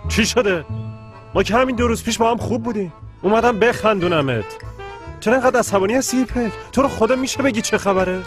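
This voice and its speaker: A man's voice: on the high side, sing-song, soft background music. A man dubbing a playful young man in a TV comedy drama, talking in a coaxing, mock-soothing way.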